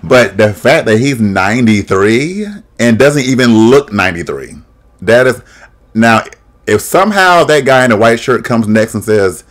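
A man's voice: mid-range voice, lively intonation, a little slow. A young man hosting a reaction video from a small room on a webcam and desk mic, cracking sassy, shady jokes and laughing often. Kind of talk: casual reaction commentary. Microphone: desk microphone, webcam.

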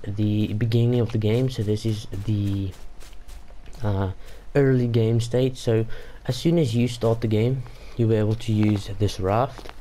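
This young male gaming YouTuber, whose first language is Afrikaans, talks over his gameplay in a lowish, dark voice. His casual commentary wanders, full of fillers and false starts, against slight background noise.

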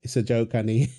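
Easing slowly through each line, a man with a medium-pitched, husky voice and some vocal fry keeps his tone soft and mellow, without any edge. In a wholesome audio roleplay, he plays a teasing husband and a fond father cooing to a baby.

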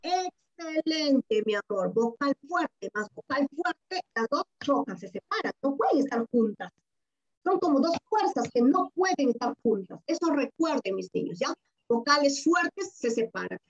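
A woman's voice: high-pitched, big pitch swings, moderate pace. A Peruvian woman teaching a primary class online, patient and affectionate, coaxing answers with questions and repeating key words. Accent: Peruvian Spanish. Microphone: video call. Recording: dull lo-fi video call audio.

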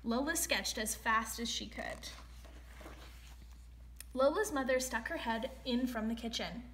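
A woman teacher with a Canadian accent reading a picture book aloud to children, with expressive narration. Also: fairly high pitch, a little slow.

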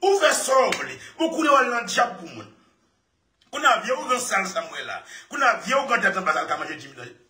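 A man talking excitedly in casual speech, laughing often and repeating his phrases. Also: high voice, fairly quick. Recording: echoey room, far from mic.

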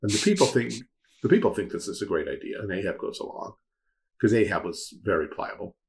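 A man hosting a casual Bible discussion, telling the story in a rambling, animated way with repeated words. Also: lowish voice, fairly quick. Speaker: host and Bible teacher.

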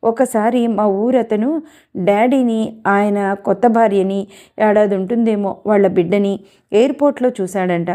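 A woman's voice: mid-range voice, unhurried, warm tone, close to an everyday voice. A woman reading the part of a young woman who earnestly speaks about the father who left her. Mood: wistful.

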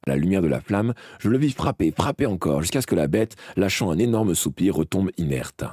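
A man reading a novel aloud live as an audiobook, expressive but with occasional slips and restarts. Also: low voice, fairly quick, slightly rough, no room sound, clean studio sound. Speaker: audiobook reader.

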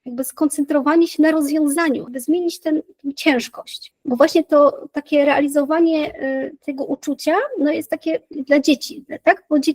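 Woman psychologist, high voice, dry close sound, casual and thoughtful, lots of fillers. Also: darkish tone, dry recording, low-quality recording. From Poland. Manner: thoughtful, many fillers and restarts. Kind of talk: casual explanatory chat.

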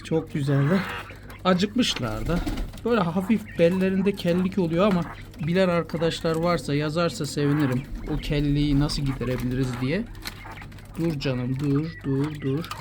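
Man cooing over his birds. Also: fairly high pitch. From Turkey. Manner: fond, soothing, talks to the birds. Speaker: quail keeper showing his birds. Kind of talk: casual vlog. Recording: noisy with bird sounds. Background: cooing birds, pigeons.

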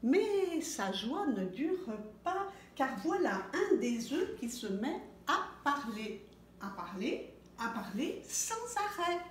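Storyteller: woman, high lively sing-song reading, echoey room, faint hiss. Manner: slow, very expressive, sing-song. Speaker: storyteller for children. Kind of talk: reading a picture book aloud.

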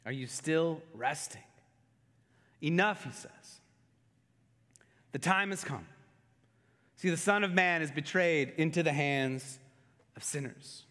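A male pastor preaching a sermon, retelling scripture in casual everyday words and swinging from intense pleading to hushed, quiet delivery. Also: on the high side, takes it slowly, long pauses, in a large hall. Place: church sanctuary.

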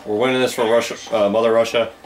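A man's voice: medium pitch, flat delivery, fast, a little hiss or hum. A man chatting casually during a game, making dry joking asides. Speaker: co-player. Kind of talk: casual gameplay chat.

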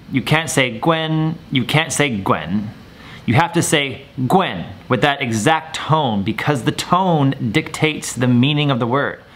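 A man's voice: mid-range voice, fairly bright tone. A young man, a martial arts instructor, explaining terms in a video lesson and repeating words for viewers to copy.

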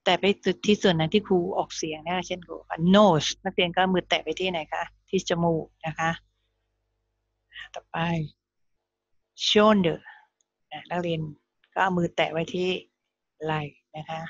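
A woman teaching young pupils English, slowly spelling out words letter by letter and repeating them patiently. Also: on the low side, steady tone, no echo, highs cut off. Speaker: primary school English teacher.

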